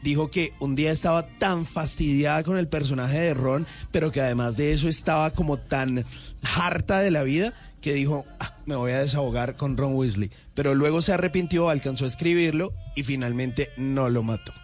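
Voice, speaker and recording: A man's voice: a little high, normal speed, soft background music. A man hosting a casual chat, rambling on with trivia. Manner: enthusiastic, rambling storyteller. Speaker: host.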